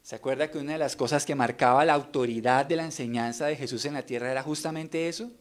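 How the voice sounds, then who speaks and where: A man's voice: medium pitch, fast talker. A middle-aged man preaching an earnest sermon, pressing the congregation with rhetorical questions.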